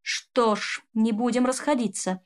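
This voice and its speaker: A stern headmaster issuing orders, as a woman reading a storybook puts him on. The voice stays close to the reader's own, measured and firm. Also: a little high, natural voice. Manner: stern, commanding. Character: stern elderly male school headmaster.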